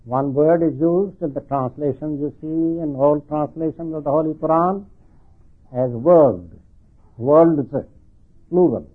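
An older man preaching and explaining scripture, deliberate and halting, repeating phrases, with slightly slurred lips-over-teeth articulation from artificial teeth. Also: on the high side, steady tone. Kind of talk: religious sermon explaining scripture. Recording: thin phone-like band-limited sound.

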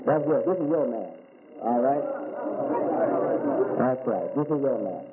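Heard through thin, phone-quality audio with light hiss, this American Islamic teacher speaks at medium pitch in an animated but unhurried way. His religious lecture uses rhetorical questions and returns again and again to key words.

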